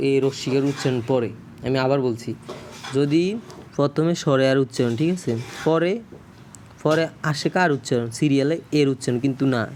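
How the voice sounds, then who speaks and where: Halting man teaching step by step. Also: mid-range voice, darkish tone, a little hiss or hum. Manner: halting, frequent self-corrections and apologies; repeats checks for understanding. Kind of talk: casual video lesson.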